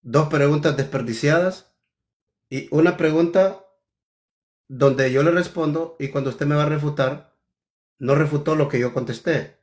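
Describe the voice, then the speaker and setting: A man's voice: on the high side, unhurried, pauses often. A man in a heated theological debate, accusing his opponent and stressing key words over and over.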